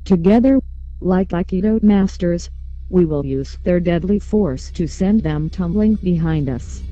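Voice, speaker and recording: Disguised synthetic computer voice, very dark timbre, flat measured delivery, scripted anonymous statement, faint music behind. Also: mid-range voice. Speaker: anonymous activist spokesperson. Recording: muffled lo-fi audio with faint music.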